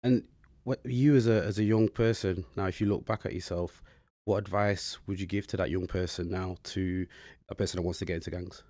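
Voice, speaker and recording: A man's voice: low-pitched, fairly even intonation, a little fast, dark tone, no echo, clean studio sound. A man hosting a podcast interview, asking questions in an encouraging way. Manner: encouraging, short affirmations. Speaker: podcast host.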